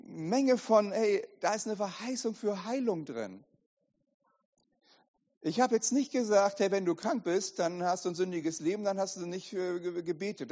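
A man preaching as a pastor, lively and direct, often asking the congregation questions, recorded in an echoey hall with dull sound. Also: high-pitched. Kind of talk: sermon.

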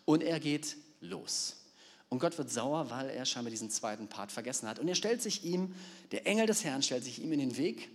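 A man preaching a sermon, retelling a story in a lively, animated way. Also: medium pitch. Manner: animated, acts out the characters. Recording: long reverb of a large hall.

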